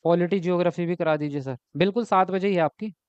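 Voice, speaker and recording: A man running a live online exam-prep class talks fast in a high-sitting, slightly mellow voice that is clear and resonant. The sound is lo-fi, with no room sound. He teaches step by step, questions and answers himself, and reads viewer comments out while addressing them.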